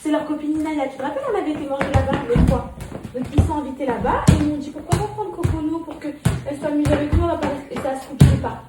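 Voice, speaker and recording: A young mother vlogging casually at home, rambling and animated with many restarts, and cooing affectionately to her children. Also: high voice, quick pace, over loud music. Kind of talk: casual vlog chat to viewers. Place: home with kitchen. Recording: echoey room with background noise.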